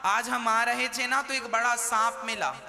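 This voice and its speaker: A man's voice: extremely high pitch, steady tone, measured pace, sharp tone, exaggerated voice. A man voicing a wandering holy man who slyly hints for more food, in a playful, raised voice. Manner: sly, playful. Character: wily sadhu hinting for food. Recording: long hall reverb with devotional music.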